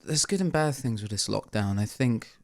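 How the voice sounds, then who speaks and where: A man's voice: on the low side, lively intonation, moderate pace, gravelly, no room sound, clean studio sound. A man co-hosting a podcast in casual chat, hesitant with lots of fillers and a sarcastic edge. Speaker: podcast co-host.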